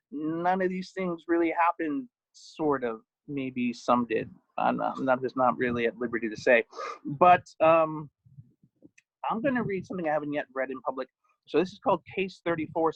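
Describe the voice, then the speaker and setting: A poet and author reads from his own poems and stories at home, slipping in informal asides. His voice is a little high and a bit bright, captured in a dry recording with dull, muffled lo-fi sound.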